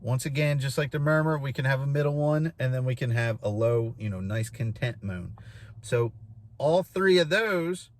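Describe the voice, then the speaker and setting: A man's voice: mid-range voice, moderate pace. A man in his thirties giving an informal instructional demonstration, explaining step by step and repeating key phrases. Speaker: goose calling instructor. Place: inside a parked vehicle.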